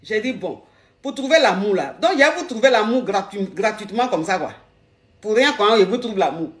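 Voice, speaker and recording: A woman's voice: medium pitch, animated, a little fast. A woman hosting a live call-in advice stream, playful and repeating her phrases.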